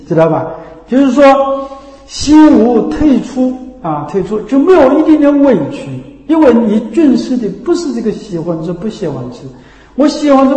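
A man's voice: high voice, dark tone. A man giving a Buddhist dharma talk as teacher, explaining patiently and often checking that listeners follow. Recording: echoey hall with long reverb.

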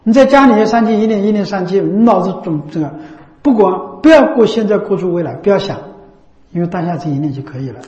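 A man delivers a Buddhist dharma talk in a high, mellow voice, returning again and again to the same phrases and tagging points with rhetorical questions. The sound is roomy and a little dull. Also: lively intonation, fast talker. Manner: repetitive, asks frequent rhetorical tag questions. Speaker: Buddhist teacher. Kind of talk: dharma talk to a lay audience. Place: Buddha recitation hall. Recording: roomy, slightly dull recording.

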